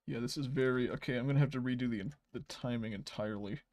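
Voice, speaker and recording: A man hosting a casual livestream, rambling while he edits and often trailing off into soft mutters. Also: mid-range voice, fast. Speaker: livestream host.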